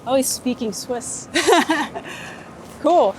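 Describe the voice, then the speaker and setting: While photographing people on a city street under a bridge, a woman gives a casual, giggly, unscripted interview. She speaks slowly in a high, expressive, slightly mellow voice. Outdoor city and traffic noise can be heard throughout.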